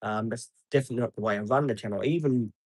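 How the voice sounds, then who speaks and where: A man's voice: medium pitch, racing, no echo. A man, live streaming outdoors beside traffic and chatting casually with viewers, rambling with many ums and answering people by name. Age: 50s.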